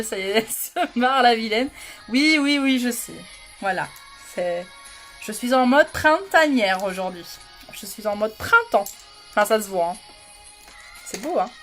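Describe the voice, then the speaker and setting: A woman doing a casual makeup livestream from home, chatty and self-mocking, giggling often and greeting viewers by name. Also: on the high side. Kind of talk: casual live makeup chat.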